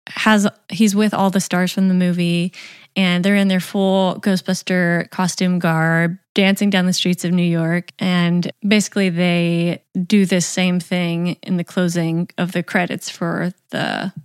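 A woman's voice: lowish voice, little pitch movement, a little slow, smooth, no echo, clean studio sound. A woman co-hosting a music podcast, chatting enthusiastically about songs. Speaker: podcast co-host. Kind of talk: casual chat.

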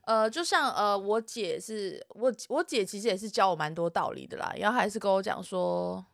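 A woman with a Taiwanese Mandarin accent, co-hosting a podcast and telling stories in an animated way, acting out the quarrels she describes. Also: mid-range voice, normal speed, creaky, dry recording, studio quality. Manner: animated storytelling, acts out quarrels. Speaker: podcast co-host. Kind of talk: casual chat.

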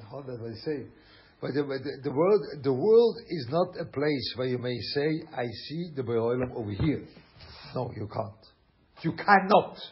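A Swiss man teaches a Torah class in a mid-range voice, speaking animatedly, repeating phrases and sprinkling in Yiddish and German words. The recording of this Torah lecture sounds muffled.

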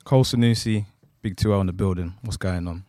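A man's voice: deep voice, fast talker, mellow, dry recording, clean studio sound. A man co-hosting a podcast with casual banter.

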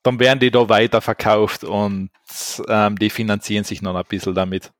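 A man's voice: fairly low pitch, steady tone, normal speed, dry recording. A man in casual podcast chat giving blunt advice, his microphone clipping and distorting. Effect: clipping distorted mic. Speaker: podcast co-host.

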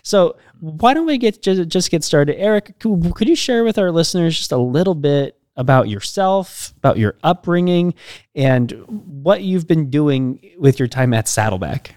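A man hosting a church podcast interview, upbeat and a little halting, with fillers and restarts. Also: a little high, lively intonation, darkish tone, no echo, studio quality. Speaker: podcast host.

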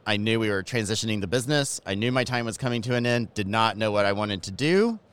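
A man's voice: fairly low pitch, animated, fast, a bit bright, clear, resonant tone. A man from Georgia with a Southern accent, a marketing executive talking casually and enthusiastically as an interview guest, with an easygoing, joking manner. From Georgia, USA. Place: large convention ballroom.

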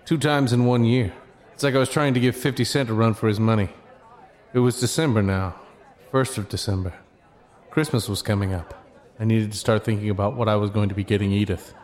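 A man playing a dim-witted private detective who narrates his misadventures deadpan, in a comedy audio drama. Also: fairly low pitch, lightly acted. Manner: deadpan, matter-of-fact. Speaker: narrator and lead character. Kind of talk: scripted comedic noir narration.

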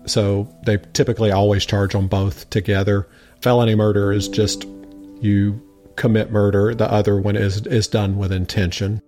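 A man speaking unscripted as a podcast interviewee, halting and repeating words for emphasis. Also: fairly low pitch, flat delivery, music in the background.

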